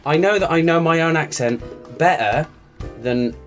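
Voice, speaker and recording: A man's voice: fairly high pitch, normal speed, highs cut off, soft background music. A man from England co-hosting a casual podcast chat, tossing in dry wisecracks and poking fun at himself. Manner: dry wisecracks, self-mocking. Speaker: podcast co-host.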